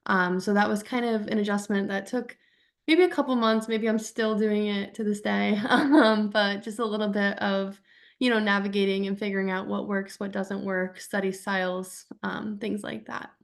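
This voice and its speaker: Gravelly-voiced young woman. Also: mid-range voice, fairly even intonation, normal speed. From Connecticut, USA. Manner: casual, hesitant with "um" fillers. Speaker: optometry student panelist.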